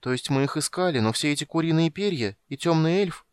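A small, curious kender with a voice raised well above the reader's own, as a man puts him on. He tells his tale eagerly and breathlessly, with a lively, bouncing pitch. The recording is dry and close. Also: a little fast, clear, resonant tone, dry recording, close to an everyday voice. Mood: flustered.

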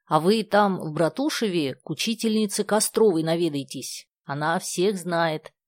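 A woman reading aloud and voicing a kindly, talkative old village woman who speaks in a slow, folksy way. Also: on the low side, no echo, close to an everyday voice. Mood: folksy chatter.

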